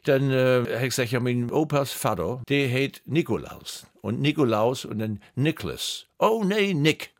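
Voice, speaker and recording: An older man, telling rambling, animated stories about his acting career in an interview. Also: medium pitch, measured pace, hardly any pauses, no echo, clean studio sound. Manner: rambling, animated, acts out quoted dialogue. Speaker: interviewee, actor. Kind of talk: casual anecdotal storytelling.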